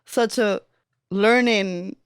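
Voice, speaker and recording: A woman talks in a loose, reflective way, circling back with fillers and restarts as she works through her thoughts. Her voice sits at an everyday middle pitch. The sound is dry and close, with almost no room around it. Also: steady tone, drawn-out words, clean tone, no echo. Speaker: podcast co-host. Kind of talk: casual chat.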